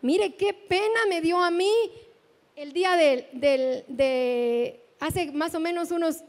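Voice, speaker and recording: Middle-aged Guatemalan woman pastor, high voice, sermon in a big reverberant church hall. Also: slow pace. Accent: Guatemalan Spanish. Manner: animated storytelling with direct questions to the congregation.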